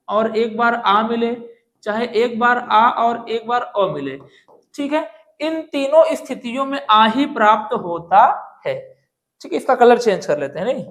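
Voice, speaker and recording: A Hindi grammar teacher going through multiple-choice exam-prep questions step by step. The teacher often poses a question, answers it, and checks in with the students. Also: mid-range voice. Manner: explains step by step, often checking in with "ठीक है" and "दोस्तों"; asks questions then answers them.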